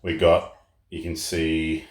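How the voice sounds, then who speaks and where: Showing off hands-on renovation work, a man co-hosting a vlog speaks slowly in a bass voice with totally flat delivery, keeping things plain and short. Faint radio music and a roomy echo fill the recording.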